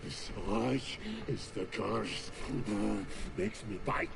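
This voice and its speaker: A man voicing an anguished, ravenous cursed werewolf in a video game, with a growling voice and halting, broken muttering. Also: fairly low pitch, vocal fry, heavy background noise, heavily acted. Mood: pained, pleading. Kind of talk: dramatic video game acting. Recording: music behind the voice.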